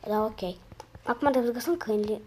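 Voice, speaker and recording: A hoarse woman chats her way through a game, her voice sitting a little high. She drifts from mumbled asides to excited yelps, peppering her talk with slang. A faint hiss runs underneath. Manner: excitable, slangy, sudden loud outbursts and muttered asides. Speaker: gamer. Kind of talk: casual gameplay commentary.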